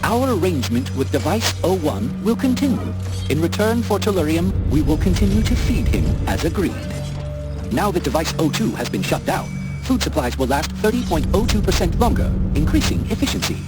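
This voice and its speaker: A man's voice: a little high, very animated, brisk, pauses often. A man voicing a zealous male robot cultist in video game dialogue, through a metallic robot voice filter, talking in clipped machine-speak with preachy devotion. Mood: businesslike. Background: loud game music.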